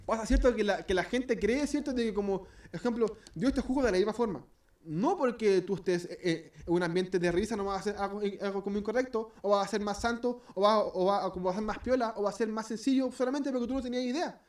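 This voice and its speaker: A man's voice: high-pitched, quick pace, a little mellow. Chilean man teaching, a bit off-mic. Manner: chatty, self-correcting, acts out everyday scenes, laughs at himself. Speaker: Bible study teacher. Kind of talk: informal Bible study teaching. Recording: voice distant from the mic.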